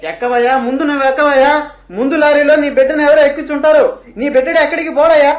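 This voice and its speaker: A man's voice: extremely high pitch, steady tone, fast. An actor playing a kind fellow traveller who comforts a grieving father in a radio play. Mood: urging. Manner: coaxing, comforting, urging others to hurry. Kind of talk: radio drama acting. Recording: echoey radio drama recording.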